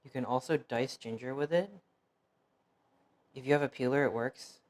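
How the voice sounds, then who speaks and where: In a mid-range voice at a moderate pace, a young American man whose native tongue was Fuzhounese rambles casually on a cooking stream. He uses lots of fillers and pokes fun at himself.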